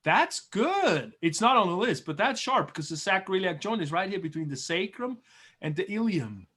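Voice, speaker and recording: A man's voice: high-pitched, big pitch swings, bright, forceful tone. Encouraging Swiss-raised male teacher. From Switzerland. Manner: encouraging, chatty, repeats terms slowly. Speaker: biology teacher. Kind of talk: online class review.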